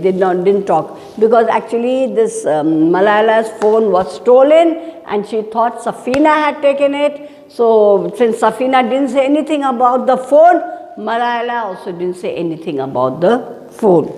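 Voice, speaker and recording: A woman's voice: fairly high pitch, darkish tone, big-room sound. A woman teacher reading from a book to her pupils and explaining it, often stopping to ask them questions. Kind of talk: online class lesson.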